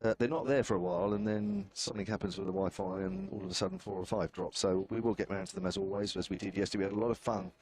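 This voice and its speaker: Racing along with few pauses, a man with a southern English accent and a fairly low, darkish voice delivers live cricket commentary from an outdoor spot at a cricket ground. His manner is chatty, wry and self-deprecating.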